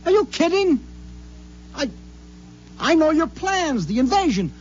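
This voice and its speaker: A man's voice: very high voice, very animated, a little slow, heavily acted. A man acting as an agitated, urgent Earthman in a 1950s radio drama, warning of invasion in colloquial speech. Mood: incredulous, defiant. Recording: noisy, dull 1950s radio recording.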